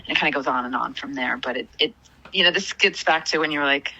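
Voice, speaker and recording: A low-pitched woman with a bright, forward tone talks through a remote podcast call. She hesitates and restarts often, filling pauses with ums. The call audio sounds dull and lo-fi. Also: vocal fry. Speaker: guest, arts organization director. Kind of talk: casual interview chat.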